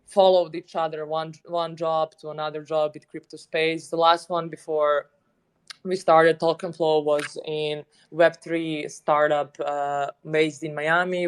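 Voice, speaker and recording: A man's voice: a little high, clear, resonant tone. A man from Serbia, a guest in an online audio chat, talking casually with frequent laughs and phrasing. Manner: relaxed, laughs often, loose non-native phrasing. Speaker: guest, head of business development. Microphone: online audio stream.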